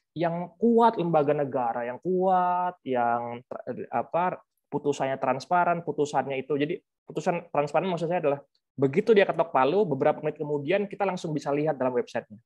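On a video call, a researcher and author appears as a guest speaker in a webinar, talking through his views conversationally with plenty of fillers and rhetorical tags. His voice is on the high side and a little mellow, and he speaks at a moderate pace.

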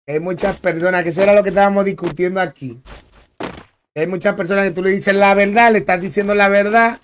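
A man's voice: high voice, steady tone, brisk, a bit bright, a little hiss or hum. A young man streaming a game live, chatting in a laid-back way, repeating himself and greeting viewers by name. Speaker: gaming streamer.

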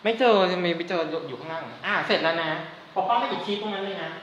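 A woman from Thailand teaching an English lesson, patiently explaining words and slowly spelling them out. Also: on the low side, a little hiss or hum. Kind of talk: classroom lesson. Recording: echoey room, mic at a distance.

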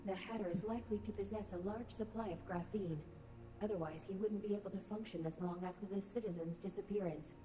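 Woman acting a brisk, formal female AI guide. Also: medium pitch, reverberant, distant mic, music in the background, close to an everyday voice, low-quality recording. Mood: composed, advising. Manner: formal, precise. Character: female AI guide, composed and advising. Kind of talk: scripted game dialogue.

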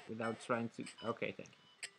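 A man's voice: medium pitch, little pitch movement, normal speed, creaky, pushed and bright, breathy edge, soft background music. A man casually commenting while playing a video game, rambling and correcting himself as he goes. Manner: rambling, self-correcting, giggly asides. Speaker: let's play commentator.

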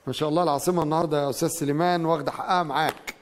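A man's voice: on the high side, fairly even intonation, rapid-fire. A middle-aged man with an Egyptian accent, hosting a call-in show in a conversational, questioning way. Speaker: TV call-in host interpreting dreams. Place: TV studio.

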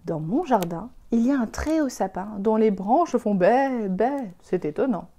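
A village schoolmaster from a storybook, read out by a woman, out of breath after a climb. His voice stays mellow and plain. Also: fairly high pitch, lively intonation, a little slow. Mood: puzzled.

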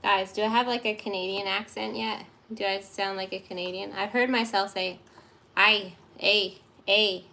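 During a livestream from her home kitchen table, a woman in her thirties bakes and chats casually, giggling to her phone camera. She speaks at normal speed with a steady, sharp, mid-range voice and some vocal fry, over a little hiss or hum.

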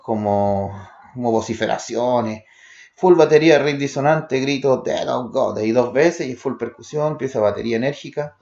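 Hombre de voz rasposa reseñando metal. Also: male voice, medium pitch, moderate pace, darkish tone, reverberant, dull audio. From Chile. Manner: terse word lists describing riffs and drums. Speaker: metal music reviewer. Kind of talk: spoken demo review over music.

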